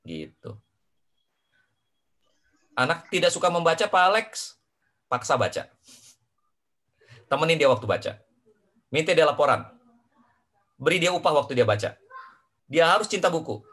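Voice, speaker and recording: A man coaches parents in a lively question-and-answer session, his voice swinging up and down as he drives a point home. He is emphatic and repeats key lines, slipping in English phrases, and his pitch sits a touch high for a man. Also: moderate pace, long pauses. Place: online parents group session.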